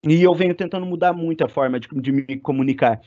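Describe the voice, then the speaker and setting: A man giving an online class lecture, talking fast and animated and getting loud when excited. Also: on the high side, dry recording. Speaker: university lecturer. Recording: dry, slightly muffled sound.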